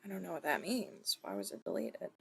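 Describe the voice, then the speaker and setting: A woman streaming a co-working session, thinking aloud in casual self-deprecating chat with soft muttered asides. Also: low voice, very animated, a little fast, creaky, slight background noise.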